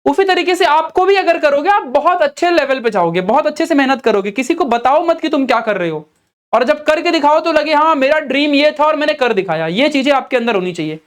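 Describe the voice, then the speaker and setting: A man's voice: very high-pitched, animated, brisk. A young man with an Indian accent, an online teacher giving earnest, coaxing study advice straight to his students. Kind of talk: motivational study advice talk.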